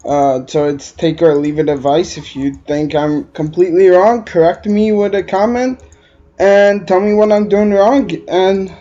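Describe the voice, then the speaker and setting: A gamer from Alberta, Canada, whose English carries a Quebec French tinge, rambles through his gameplay commentary, hesitating often with lots of "uh" fillers. His voice is high and mellow, his pace measured, and the audio dull.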